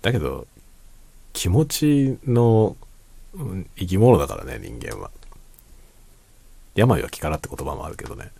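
A man chatting casually in a quiet late-night monologue, musing and circling back over his own phrases. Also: very animated, unhurried, gravelly, long pauses, husky, no room sound. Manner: quiet, low-voiced night-time talking. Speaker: host of a solo talk show.

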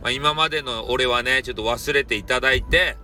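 Hakata dialect guy doing his own podcast, jokey and mock-polite, super bright tense voice, soft music in back. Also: mid-range voice, brisk. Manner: joking, mock-formal and playful. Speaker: podcast host, storyteller. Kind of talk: casual solo podcast talk.

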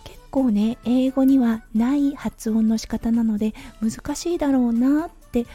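A woman in her thirties hosting her own talk podcast, telling stories in a gentle, chatty way with soft fillers. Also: on the high side, measured pace, faint music behind. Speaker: podcast host. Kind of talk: casual solo talk radio.

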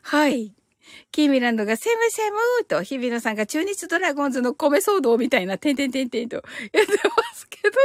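A cheerful woman hosts a casual live stream and reads listener comments aloud, reacting with quick delight and frequent giggles. Her voice sits high and moves freely up and down. The sound is close and dry, with no room behind it. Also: very animated, no room sound.

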